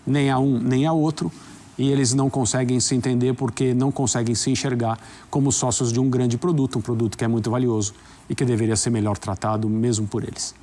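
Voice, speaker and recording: A man's voice: mid-range voice, level tone, fairly quick, warm tone. Wry Brazilian sports pundit, man. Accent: Brazilian Portuguese. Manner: reflective, wry asides. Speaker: sports commentator. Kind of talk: studio sports debate.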